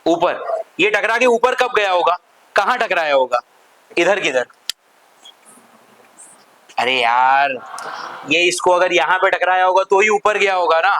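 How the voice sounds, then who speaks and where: Male physics teacher, fairly high bright voice, keeps asking the class if they follow. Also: moderate pace, a little hiss or hum, rough recording. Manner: asks the class constant check questions, mixes Hindi with English terms. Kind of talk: classroom lecture.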